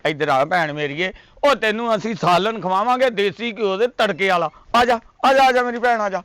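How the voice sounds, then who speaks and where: A man's voice: high voice, moderate pace, no room sound. A man playing a coaxing young villager in a comedy skit, calling out. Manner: loud, wheedling calls.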